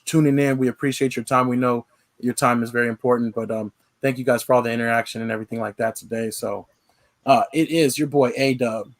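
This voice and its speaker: Chill guy hosting a sports podcast, says um a lot, average pitch. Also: steady tone, fast. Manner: laid-back, filler-heavy. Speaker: podcast host. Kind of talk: casual sign-off chat.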